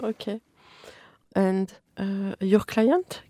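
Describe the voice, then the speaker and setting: A woman's voice: mid-range voice, drawn-out words, warm tone. A woman with a French accent, hosting a podcast with introductions and interview questions. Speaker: podcast host.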